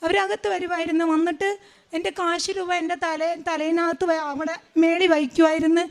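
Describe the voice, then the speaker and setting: A woman telling her personal testimony in a plain, halting way, often stopping to correct herself. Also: very high voice, little pitch movement. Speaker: testimony speaker.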